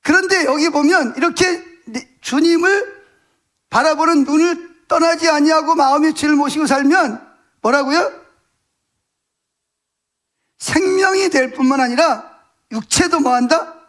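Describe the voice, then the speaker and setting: A man's voice: extremely high pitch, a little slow, long pauses, a bit bright. A man preaching a Sunday morning sermon as pastor, emphatic and colloquial, firing rhetorical questions at his congregation. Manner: repeats words for stress, colloquial.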